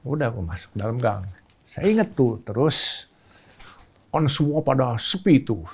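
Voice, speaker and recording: Animated older man with speech. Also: moderate pace, breathy edge. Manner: animated, shouts quoted lines in a much higher voice. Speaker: podcast guest. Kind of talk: casual storytelling.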